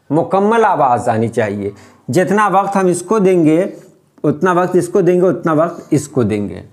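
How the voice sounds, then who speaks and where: A man teaching how to write letters, explaining patiently and repeating each point slowly. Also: a little high. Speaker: Urdu script teacher. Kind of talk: step-by-step writing lesson.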